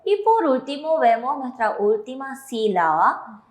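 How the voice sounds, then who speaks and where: Speaking with a Paraguayan Spanish accent, a woman co-hosts a TV Korean lesson in a classroom-style explanation, prompting the teacher with questions and approving answers. She is high-pitched and very animated, a little slow, and the sound is roomy.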